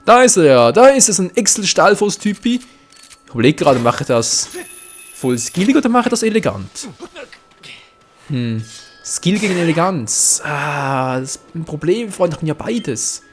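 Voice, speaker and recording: A young man hosting a let's play, commenting on the game excitably, swearing and talking to his viewers. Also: a little high, normal speed, faint music behind.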